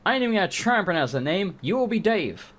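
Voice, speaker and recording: A man's voice: high voice, big pitch swings, fast talker, fairly bright tone. A man hosting a let's play, giving casual, joking gaming commentary with informal, sweary talk.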